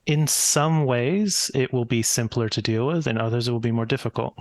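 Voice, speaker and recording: A man playing a tabletop game, reasoning through it in a measured, analytical way. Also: medium pitch, dry recording. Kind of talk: in-game discussion.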